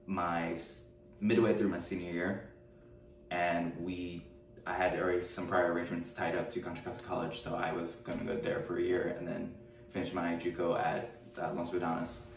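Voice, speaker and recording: A man's voice: low-pitched, flat delivery, moderate pace. A man in his twenties from California, answering interview questions at home in a hesitant way, with many fillers and restarts. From Richmond, California. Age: 20s. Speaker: documentary interviewee. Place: room at home, seated. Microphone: far camera mic. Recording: roomy echo, distant mic, faint hum.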